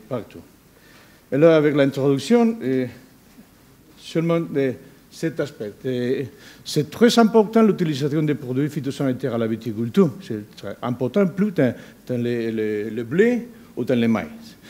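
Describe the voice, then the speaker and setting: A non-native speaker from Spain with a Spanish accent, this man gives a conference presentation as a researcher, halting and searching for words in foreign-accented speech. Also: mid-range voice, animated, warm tone. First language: not a native French speaker. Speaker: university researcher giving a presentation.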